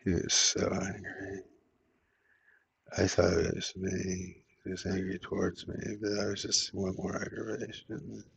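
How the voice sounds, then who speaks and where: A man's voice: deep voice, monotone, unhurried, gravelly, slight background noise. A middle-aged man telling a rambling personal story, profane and meandering with many fillers. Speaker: vlogger.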